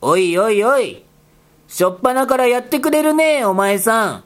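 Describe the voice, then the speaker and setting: Woman doing a rough-talking rabbit dude, scolding and exasperated, pitch swooping all over, comedy skit. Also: expressive, moderate pace, natural voice. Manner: rough boyish speech, scolding retorts. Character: gruff bossy rabbit guy, exasperated straight man.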